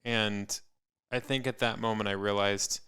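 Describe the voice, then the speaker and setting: A man's voice: on the low side, steady tone, unhurried, sharp tone, smooth. A man co-hosting a podcast in casual chat, an easygoing storyteller who laughs often. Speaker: podcast co-host.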